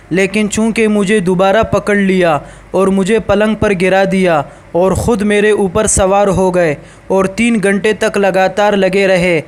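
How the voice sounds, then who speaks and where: A man reading a scripted story aloud in a steady, even storytelling voice. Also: high voice.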